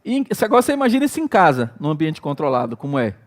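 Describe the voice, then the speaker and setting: A middle-aged Brazilian man preaching a sermon, his voice set high for a man. He talks in a loose, storytelling way and acts out his own prayers and exclamations. His Brazilian Portuguese accent is clear throughout. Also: big pitch swings, racing. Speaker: pastor.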